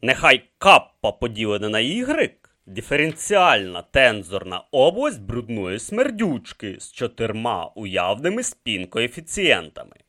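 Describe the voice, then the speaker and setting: A man's voice: medium pitch, wildly swooping pitch, measured pace, few pauses, pushed and bright, exaggerated voice. A man voicing a brilliant male camel mathematician who mutters calculations to himself in an audiobook reading. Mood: musing.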